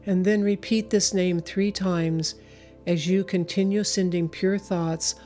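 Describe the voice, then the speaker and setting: A woman leading a guided meditation in a slow, soothing, hypnotic way, with long pauses between phrases. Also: fairly low pitch, steady tone, warm tone, soft background music. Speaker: spiritual speaker and meditation leader.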